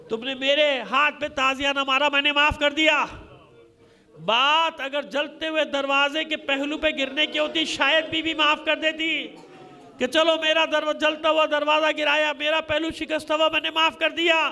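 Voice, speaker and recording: Reciting a majlis in a congregation hall, this Shia cleric speaks with a Pakistani Urdu accent and a very high-pitched, bright, forceful voice. His mourning sermon tells the story in a dramatic, rhetorical style full of repeated phrases.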